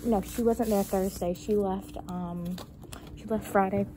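A woman's voice: medium pitch, steady tone, measured pace. A young woman chatting casually and exclaiming as a student vlogger in a large indoor room. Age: young adult. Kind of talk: casual chat. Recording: noisy room ambience, camera mic.

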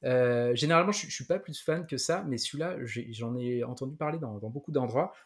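A man's voice: mid-range voice, a little fast. A man co-hosting a tech podcast, chatting casually with many fillers and restarts. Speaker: podcast co-host. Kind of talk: casual chat.

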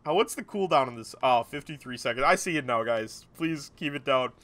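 A man's voice: medium pitch, animated, brisk, fairly bright tone. A young man giving casual gameplay commentary to viewers, rambling and repeating himself in a tipsy way. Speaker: gaming video creator. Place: small indoor room at a gaming setup.

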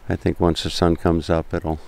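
A man's voice: sits low, little pitch movement, moderate pace, vocal fry, darkish tone. An American man from Florida narrating a walking vlog on a seaside pier, chatty and repeating himself as he looks around. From Florida, United States. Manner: chatty, repeats phrases while looking around. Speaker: vlogger. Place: outdoors on a long seaside pier.

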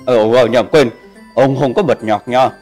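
A man's voice: medium pitch, steady tone, moderate pace, a little mellow, soft background music. A man live-streaming a game, bantering crudely and jokingly with his viewers. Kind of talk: casual live-stream chat.

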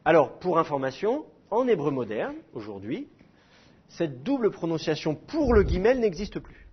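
A man's voice: on the high side, very animated, normal speed, breathy edge, lo-fi sound. A middle-aged man teaching a class, explaining with demonstrated sounds and self-mocking humor. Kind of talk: classroom lecture.

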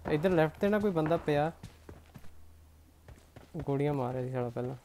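A man's voice: on the high side, animated, brisk, darkish tone. A man with a Punjabi accent chatting casually with his squad during a game, calling out in slangy, sweary language. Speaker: gamer playing a team shooter. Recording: noisy game audio with gunfire and engines. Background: gunfire, vehicle sounds.

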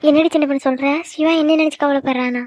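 A woman voicing a tender, emotional middle-aged mother in a cartoon, talking quickly and fondly. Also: sits high, fairly even intonation, a little mellow, no room sound, lightly acted. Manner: affectionate, quick, tearful at times. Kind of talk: cartoon voice acting. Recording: dry, dull lo-fi recording.

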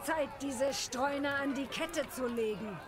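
A woman's voice: high voice, measured pace, noisy background. An actress playing an imperious, commanding warrior queen who calls out battle orders in a fantasy video game. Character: commanding warrior queen leading her troops.

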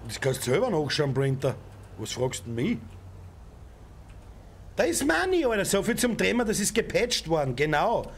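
Brief: young Austrian gaming streamer, high voice, angry outbursts at traffic, faint hiss in the room. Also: male voice, sing-song, moderate pace, long pauses. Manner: swears and shouts at other drivers. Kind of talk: let's play commentary. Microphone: desk mic with headset.

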